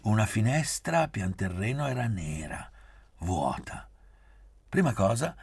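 A man narrating a literary novel as an audiobook reader, measured and soft-spoken, at times dropping almost to a whisper. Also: deep voice, breathy edge, no room sound.

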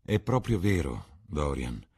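A man voicing a worldly, cynical male aristocrat, calm and persuasive, in an audiobook reading. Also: a bass voice, slow pace, breathy edge, voice pushed down, heavily acted. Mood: grave. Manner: suave, composed, persuasive.

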